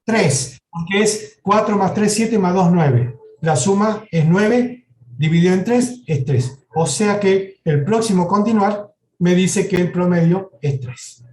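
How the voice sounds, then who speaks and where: This live university programming lecture, complete with a software demo, is led by a man whose high voice is slow and darkish. The classroom recording echoes, and he goes step by step, frequently checking in with his students.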